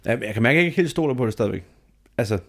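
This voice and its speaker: A man's voice: mid-range voice, expressive, gravelly. A man in his thirties telling a dramatic, self-mocking story in a casual chat, swearing freely.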